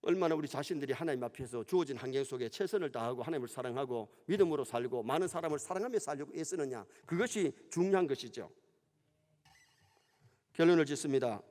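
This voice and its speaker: A middle-aged pastor with a Gyeongsang Korean accent, preaching a sermon in an animated storytelling manner in a church sanctuary. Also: male voice, medium pitch, quick pace. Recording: long church hall reverb.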